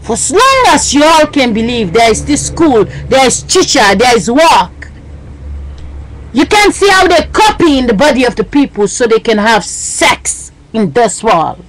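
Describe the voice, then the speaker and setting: A very animated woman with a fairly high voice talks at a measured pace into her webcam, recorded on its built-in mic with poor audio and a little hiss or hum. Her vlog is a rambling, agitated monologue, repetitive and in broken, non-native grammar.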